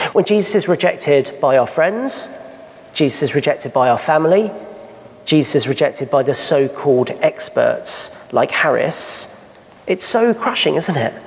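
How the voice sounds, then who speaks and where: A man preaches a sermon in a church hall, asking rhetorical questions and painting vivid scenes. His voice is fairly high with vocal fry, and the recording carries long hall reverb.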